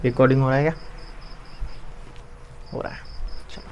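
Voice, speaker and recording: A man's voice: mid-range voice, little pitch movement, normal speed, a little mellow, muffled recording, slight background noise. A young man teaching a lesson in a conversational, classroom style. He asks questions and answers them himself, repeating the key terms.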